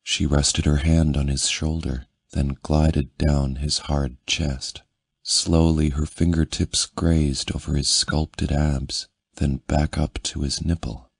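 Male audiobook narrator, extremely deep, husky voice, slow intimate reading, dry close mic. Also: little pitch movement, no room sound. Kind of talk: scripted narration.

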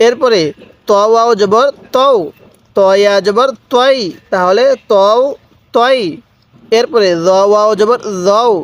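A man with a fairly high voice leads a Quran reading lesson. He drills each letter pair again and again, naming the parts and then the joined sound, patient and steady. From Bangladesh. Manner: repeats syllable drills slowly. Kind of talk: recitation lesson.

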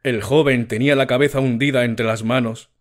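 A man reading a fairy tale as an audiobook narrator, slow and measured. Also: mid-range voice, fairly even intonation.

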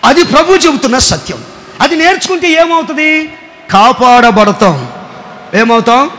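Male pastor, very high voice, emphatic sermon delivery with shouted questions. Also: expressive, moderate pace, a little hiss or hum. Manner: emphatic preaching with repeated rhetorical questions and shouted lines.

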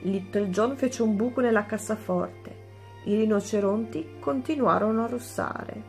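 A woman teacher reading a children's story aloud, slow and clear. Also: medium pitch, darkish tone, soft background music.

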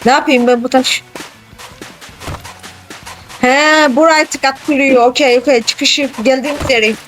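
A gaming channel host giving excitable, casual let's-play commentary, exclaiming and teasing a co-player. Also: high voice, measured pace, faint music behind.

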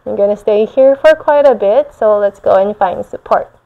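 A young woman teaching restorative yoga and guided meditation in a soothing, gentle manner. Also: medium pitch, normal speed, creaky, narrow, tinny audio. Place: large bare indoor room with concrete floor. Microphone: chest-worn mic.

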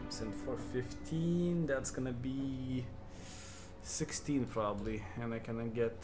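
A man livestreams a game with loose, joking banter. He talks slowly in a middle-pitched voice, with game music clearly playing behind him. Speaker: game streamer. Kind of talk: casual livestream chat over gameplay. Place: indoor room at home.

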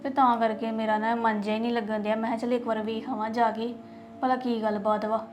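A woman plays a worried young woman in a family drama. Her voice is high but very flat, talking on in a troubled, explaining way. Light room noise sits behind. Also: quick pace, close to an everyday voice. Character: worried young woman fretting about a sick relative.

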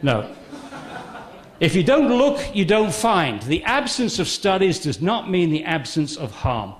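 Animated, emphatic man giving a talk. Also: sits high, a little slow. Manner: emphatic and sarcastic, with repeated phrases. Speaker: guest speaker. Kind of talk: public talk on a health controversy.

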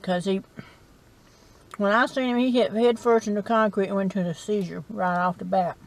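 Eating in her parked car at night, a middle-aged vlogger from South Carolina keeps up a rambling, folksy casual chat in a Southern US accent, recorded by her dashboard camera. Her medium-pitched voice has vocal fry, fairly even intonation and a normal speed.

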